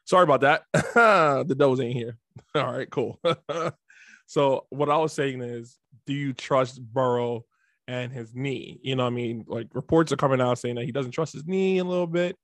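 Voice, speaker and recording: A man's voice: medium pitch, normal speed, no room sound. Casual man on a home computer mic. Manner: loose and chatty, quotes stats. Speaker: podcast co-host. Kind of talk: casual fantasy football chat. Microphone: home computer setup mic.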